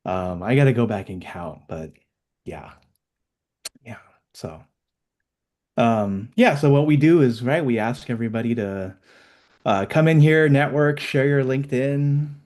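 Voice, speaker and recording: A man's voice: medium pitch, a little slow, pauses often, a little mellow. A man hosting an online webinar, chatting casually in an upbeat way with lots of fillers. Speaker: webinar host.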